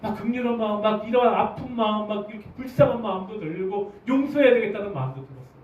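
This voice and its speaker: A man preaching a sermon as pastor, animated, putting questions to his congregation. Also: high voice, fast talker, slight background noise. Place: church hall. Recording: roomy, distant, dull church recording.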